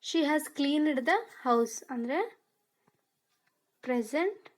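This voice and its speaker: A woman teaching English grammar for exams, explaining step by step and asking rhetorical questions. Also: high-pitched. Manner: mixes Kannada with English terms; reads English sentences slowly. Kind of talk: exam-prep lesson.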